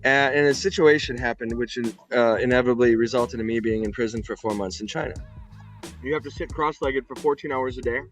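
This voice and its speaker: A man's voice: medium pitch, a little fast, faint music behind. A middle-aged American man telling his story bluntly and candidly as an interview guest, with some swearing. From United States. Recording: dull, dry lo-fi sound.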